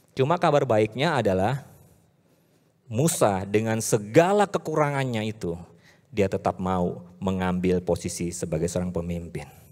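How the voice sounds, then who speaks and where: A man with an Indonesian accent preaching a casual youth sermon, swinging from loud hype to low, earnest talk. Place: church hall. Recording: reverberant church hall.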